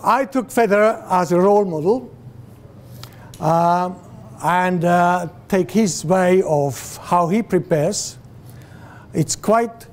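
An older Swiss man gives a guest lecture to students in an indoor classroom with a screen. His voice is fairly high for a man, and he speaks slowly and animatedly, gesturing, asking the audience questions, and filling his talk with "uh"s and restarts. A distant camera with no visible mic captures him, with a faint hiss in the background.

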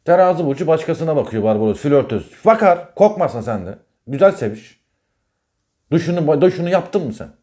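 A man's voice: on the high side, expressive, fairly quick, mellow. A man who works as an astrologer, talking in a casual monologue about zodiac signs. He speaks emphatically, repeats himself and scolds the listener directly.

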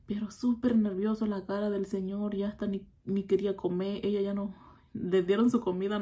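A woman's voice: medium pitch, creaky, mellow. A woman telling a story in a casual, gossipy chat, laughing often and addressing her viewers. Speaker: vlogger.

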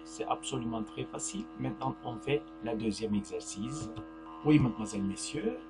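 A man teaching a French grammar lesson to young pupils, speaking slowly, repeating words and checking understanding with "d'accord?". His first language is Turkish. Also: medium pitch, expressive. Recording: music and mains hum behind.

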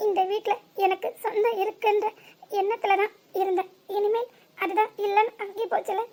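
A hurt young cartoon wife, played by a woman, pressing bitter questions one after another. Her voice is very high and close to the performer's own. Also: little pitch movement, normal speed, mellow. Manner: reproachful questioning. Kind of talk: cartoon voice acting.

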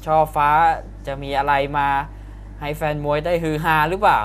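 A slightly high, fairly bright male voice delivers live Muay Thai commentary at a moderate pace, reacting excitedly to each blow. Behind the broadcast are arena crowd noise and faint fight-arena ambience.

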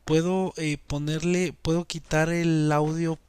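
A man's voice: a little high, little pitch movement, unhurried, darkish tone, smooth, no echo, close to an everyday voice. A man quoting a timid little boy. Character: timid little boy of four asking for help.

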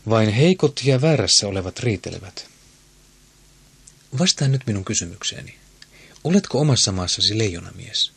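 A man's voice: lowish voice, expressive, vocal fry, pauses often, husky, exaggerated voice. A man reading a proud, fiery queen. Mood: commanding. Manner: commanding, intense. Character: proud passionate young woman queen.

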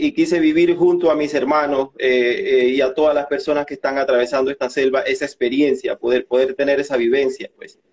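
A young man with a Venezuelan accent giving his testimony as a migrant and content creator in an interview, talking haltingly with many restarts. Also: mid-range voice, low-quality recording. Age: young adult.

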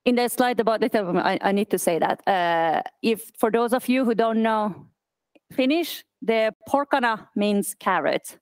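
Iranian-born woman in her 30s giving a talk, smooth clear voice, lots of uhs and restarts, dry sound. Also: a little high, dry recording. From Iran. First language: Persian. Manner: halting, many fillers and restarts. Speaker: accessibility specialist speaker. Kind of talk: conference talk. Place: office event space.

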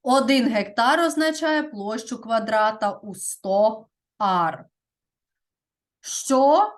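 A woman teaching a primary school grammar lesson, speaking deliberately and often checking in with "так?". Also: a little high, lively intonation.

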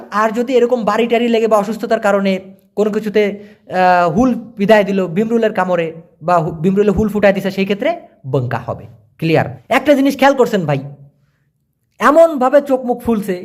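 A man from Bangladesh gives a casual vocabulary lesson in a high, lively voice that climbs and dips a lot. He is chatty and folksy, leaning on everyday examples and rhetorical questions. He spells out phrases slowly, repeating them at half speed. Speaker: language teacher. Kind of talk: casual lesson explaining words.

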